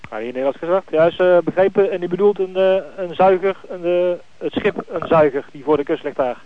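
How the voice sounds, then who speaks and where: A man's voice: high-pitched, fairly quick, a crowd in the background. A man working as a coast guard radio operator, using formal call-and-confirm radio procedure with frequent hesitations, heard through a crackly radio transmission. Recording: tinny radio with static hiss.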